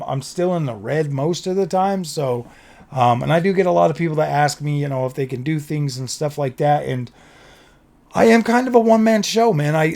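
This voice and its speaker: A gaming content creator chats casually with his viewers in vlog style, rambling and repeating phrases with earnest enthusiasm. His voice is fairly high, a little mellow, and slightly hoarse.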